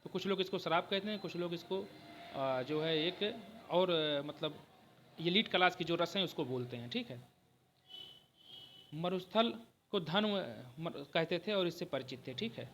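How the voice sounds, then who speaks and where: Bright, high-voiced male history teacher. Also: animated, a little hiss or hum. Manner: repeats "ठीक है" often, explains slowly with restarts. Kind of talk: exam-prep history lecture.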